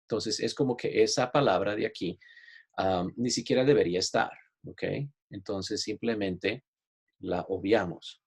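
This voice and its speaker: A man's voice: fairly low pitch, a little slow, slightly rough. A man giving a Bible study lesson, explaining patiently and often checking in with his listeners. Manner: explanatory, repeats "¿ok?" to check understanding; shares screen while teaching, online class. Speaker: Bible teacher.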